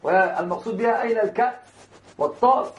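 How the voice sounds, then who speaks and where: A man's voice: sits high, quick pace. A man teaching Islamic law in a classroom lecture, repeating and restarting words and speaking straight to his students. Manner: addresses students directly, chuckles now and then. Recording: roomy, dull lo-fi lecture recording.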